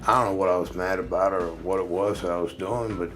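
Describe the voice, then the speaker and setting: A man speaking as a benefits applicant in a scripted training role-play, halting and hesitant with many fillers. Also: low-pitched, fairly even intonation, fairly bright tone. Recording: music bed under speech.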